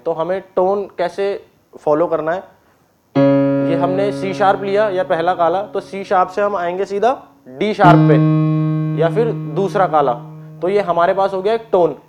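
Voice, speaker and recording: A man teaching an online keyboard class, explaining step by step, often clearing his throat and checking that students follow. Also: high voice, a little mellow. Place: indoors with keyboard and board.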